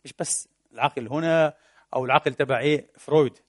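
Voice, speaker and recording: A man giving a lively religious lecture, asking rhetorical questions and answering them himself, mixing colloquial and formal with English technical terms. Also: mid-range voice, fast talker. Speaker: preacher and lecturer.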